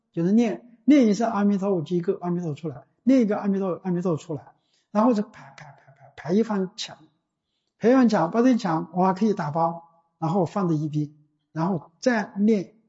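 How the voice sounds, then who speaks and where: A Buddhist teacher giving a slow, deliberate dharma talk, often pausing to ask the listeners whether they follow. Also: mid-range voice, dark tone. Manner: slow and deliberate, often asking "you know?". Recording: dull lo-fi recording.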